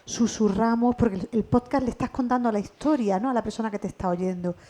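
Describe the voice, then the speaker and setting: A woman's voice: fairly high pitch, quick pace, warm tone. A woman, a podcast co-creator and radio journalist, explaining step by step in a casual radio interview. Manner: explains step by step, finishes co-host's sentences.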